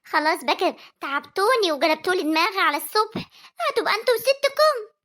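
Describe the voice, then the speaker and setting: Performer doing a fussing Egyptian village mom, very high, rapid and bright, scolding but tender. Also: animated, exaggerated voice. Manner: scolding yet tender, coaxing. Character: worried village mother of young daughters. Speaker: mother. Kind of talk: homemade family drama voice acting.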